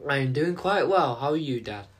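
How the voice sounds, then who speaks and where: A man's voice: mid-range voice, animated, normal speed, breathy edge. A young man, co-hosting a casual podcast and giving short, laid-back, mumbled answers. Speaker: podcast co-host. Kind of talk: casual chat.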